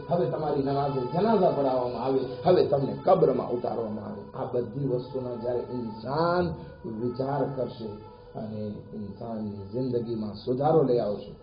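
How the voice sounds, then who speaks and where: A man giving an animated sermon, telling stories with rising emphasis. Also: medium pitch. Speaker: preacher. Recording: echoey hall, dull lo-fi sound, faint noise.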